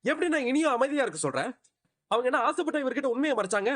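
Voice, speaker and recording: A man's voice: very high-pitched, big pitch swings, rapid-fire, a bit bright, exaggerated voice. An actor playing an angry young man in a TV serial, confronting an elder in an indignant, confrontational way. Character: angry young husband defending his mother.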